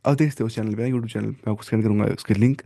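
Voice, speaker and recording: A man teaching a live online Quran reading lesson, drilling letters and sounds slowly one by one. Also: fairly low pitch, fairly even intonation, vocal fry, mellow. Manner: slow drawn-out letter-by-letter drilling.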